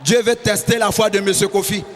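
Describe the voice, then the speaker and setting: High-voiced comedian in a hall. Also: male voice, a little fast, soft background music. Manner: animated, shouting bursts, many character voices. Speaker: stand-up comedian. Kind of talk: stand-up comedy on stage. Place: large venue on stage. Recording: hall echo with faint crowd ambience.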